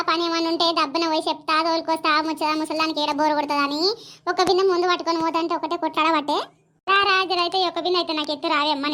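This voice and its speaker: A woman doing squeaky bickering Telangana village women. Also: pushed and bright, a little hiss or hum. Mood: scolding. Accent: Telangana Telugu. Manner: scolding, bickering, rapid village talk. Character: quarrelsome village women fighting over water pots. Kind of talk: comic village skit acting.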